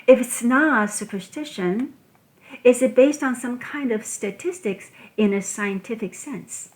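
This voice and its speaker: Woman host, measured delivery. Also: fairly high pitch, a little mellow, rough recording. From Taiwan. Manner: measured, deliberate delivery listing items one by one. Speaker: podcast host. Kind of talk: scripted solo talk.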